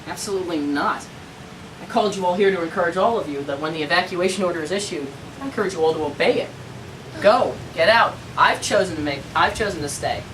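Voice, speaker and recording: An actor playing a stern police lieutenant who gives orders with dry sarcasm. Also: male voice, high voice, quick pace, close to an everyday voice. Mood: firm. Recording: distant mic, noisy with rain.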